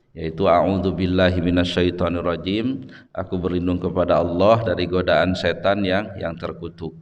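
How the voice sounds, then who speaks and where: Seorang pria paruh baya, guru agama, memberi kajian subuh di masjid dengan gaya santai sambil sering menyelipkan "ya" dan jeda. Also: male voice, low-pitched, highs cut off. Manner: conversational, frequent "ya" tags and pauses. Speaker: religious teacher. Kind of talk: dawn mosque study lecture. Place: mosque hall. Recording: long hall reverb.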